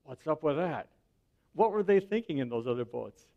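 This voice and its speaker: A man's voice: a little high, expressive, moderate pace, creaky, dull audio. A man giving a sermon as a pastor, speaking in a conversational way and often checking in with the listener. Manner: conversational preaching, often asks the listener "right?".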